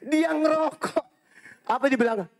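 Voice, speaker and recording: Animated high-voiced preacher. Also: male voice, unhurried, gravelly. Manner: animated storytelling, quoting Arabic phrases, addressing audience as Pak, Bu. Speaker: Islamic preacher and hajj guide. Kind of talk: sermon with anecdotes.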